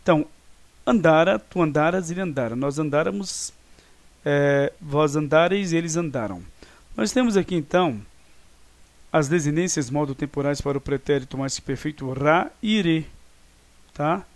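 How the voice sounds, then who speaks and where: A man's voice: a little high, moderate pace. A Brazilian man teaching a grammar lesson online, explaining patiently and often checking in with his students. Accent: Brazilian Portuguese.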